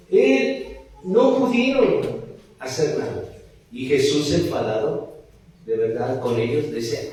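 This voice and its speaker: A man's voice: on the high side, mellow. Storytelling male preacher in a big echoey hall. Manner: storytelling, with frequent rhetorical questions. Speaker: pastor. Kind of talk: sermon. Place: church hall. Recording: very echoey church hall, mic far off.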